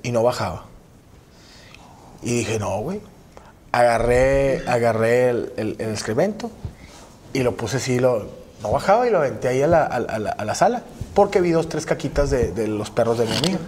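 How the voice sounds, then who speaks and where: A man's voice: medium pitch, moderate pace, a little hiss or hum. A man with a Mexican accent, co-hosting a casual comedic chat and telling rambling stories. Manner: rambling, animated storytelling. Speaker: podcast co-host.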